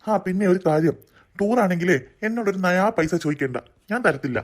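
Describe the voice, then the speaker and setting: A man's voice: sits high, animated. A man voicing a teasing, stingy father and husband in a cartoon. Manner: teasing, brisk.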